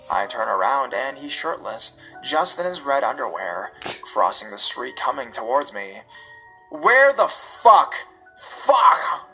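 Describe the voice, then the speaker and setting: A man reading first-person horror stories in a steady, measured scripted narration. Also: medium pitch, rough recording.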